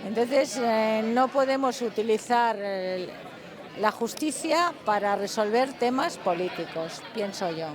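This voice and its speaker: A woman answering a street interview in a calm, reasoned way. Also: fairly high pitch, a little slow. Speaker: passer-by interviewed. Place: outdoors on a city street. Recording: crowd around her.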